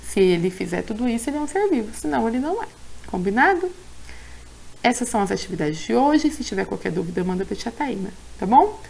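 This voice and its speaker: A woman's voice: fairly high pitch, big pitch swings, fast, vocal fry, a little mellow. A young Brazilian woman teaching a remote lesson to young children, patient and sing-song, often checking in with the class. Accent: Brazilian Portuguese. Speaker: primary school teacher.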